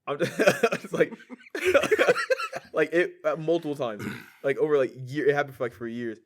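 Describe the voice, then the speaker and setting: A man's voice: a little high, big pitch swings, normal speed. Podcast co-host, man, rambling story, slightly raised voice. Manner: storytelling with frequent likes and laughter. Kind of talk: casual chat.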